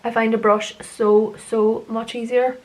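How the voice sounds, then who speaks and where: This young woman, a beauty vlogger, chats loosely about her makeup routine, her voice on the high side, level, slightly mellow, and unhurried. Rambling along, she stumbles over words and keeps laughing at herself.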